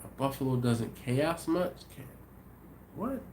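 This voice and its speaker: This livestream host has a mid-range, slightly mellow voice with a sing-song lilt, speaking a little slowly amid a faint hiss or hum. Reading viewers' comments in a casual chat, he rambles easily and sounds a touch congested and sniffly. He often restarts and says um while thinking aloud.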